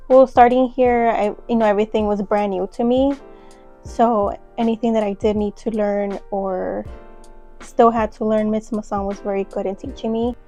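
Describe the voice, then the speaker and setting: A woman's voice: mid-range voice, fairly even intonation, normal speed, mellow, faint music behind. A woman who works as an attendance recorder, giving conversational interview answers.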